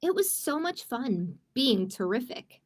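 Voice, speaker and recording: A woman's fairly high, sing-song voice moves at a measured pace. Hosting a children's storytime on a livestream as a librarian, she reads aloud with expression and chats with the young audience through questions.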